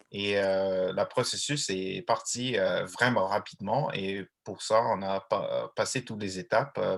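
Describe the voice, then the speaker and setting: A man answering questions informally, explaining step by step in a halting way with repeated phrases. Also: lowish voice, gravelly, fairly bright tone, husky.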